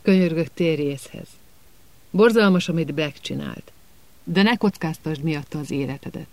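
A man's voice: on the high side, gravelly, no echo. A man voicing an anxious, earnest teenage girl in a storybook reading, pleading and worried.

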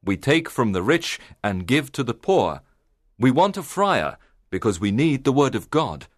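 A man's voice: medium pitch, sing-song, measured pace, no room sound, studio quality, pitched above the performer's own voice. A man voicing a thin but strong young outlaw leader who is bold and friendly, with a confident, commanding tone in a storybook reading.

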